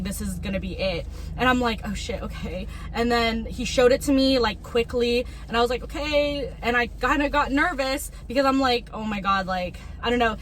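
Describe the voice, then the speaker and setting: A woman's voice: on the high side, slight background noise, low-quality recording. A young woman, chatting and telling stories casually in an informal way as a vlog co-host. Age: young adult. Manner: informal, frequent "like" and quoted dialogue. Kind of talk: casual chat and storytelling.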